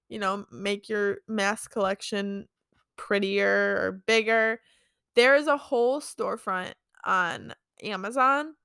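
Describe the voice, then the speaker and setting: A young woman hosts a solo podcast, chatty and earnest, filling her talk with "like" and "um". Her voice is bright and fairly high, and she takes her time. The sound is close and dry, with no room around it. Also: no echo. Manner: earnest, chatty, many fillers. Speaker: podcast host.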